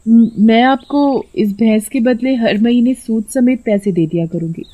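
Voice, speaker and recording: A woman's voice: fairly high pitch, a little slow, warm tone. A woman voicing a caring young village woman, a protective elder sister in a cartoon story, soothing and earnest. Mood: determined.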